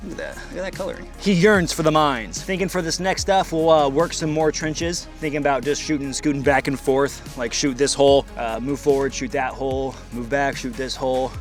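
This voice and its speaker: A man's voice: medium pitch, a little fast, few pauses, soft background music. A man talking casually and informally to camera as a vlog host, outdoors, with plenty of slang. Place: outdoors in trenches at a shooting range.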